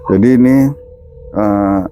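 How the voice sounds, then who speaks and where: A man's voice: fairly low pitch, fairly even intonation, slow pace, warm tone, lo-fi sound, soft background music. A man, a spiritual healer, explaining on an outdoor ghost-hunting walk and commanding spirits sternly. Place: outdoors in a garden.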